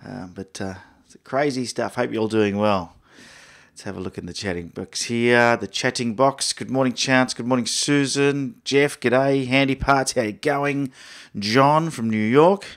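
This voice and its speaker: A man's voice: mid-range voice, a little slow, fairly bright tone. A man with an Australian accent hosting a photography live stream, chatting casually and greeting viewers by name. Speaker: photography show host.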